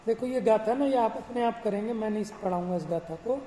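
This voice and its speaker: A man teaching a religious class, explaining patiently, asking rhetorical questions and chanting verses slowly. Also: sits high, dark tone, echoey room, in a large hall. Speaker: scripture teacher.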